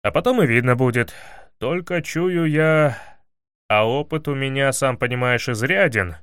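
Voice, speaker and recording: A man voicing a gruff older male commander who speaks in a plain, folksy, fatherly way. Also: mid-range voice, normal speed, fairly bright tone, dry recording, clean studio sound, close to an everyday voice.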